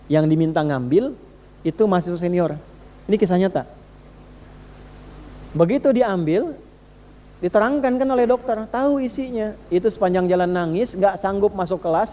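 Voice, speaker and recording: High-voiced male preacher, emphatic sermon. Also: mellow, long reverb tail. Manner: emphatic, repeats rhetorical questions to the audience; conversational, addresses listeners directly.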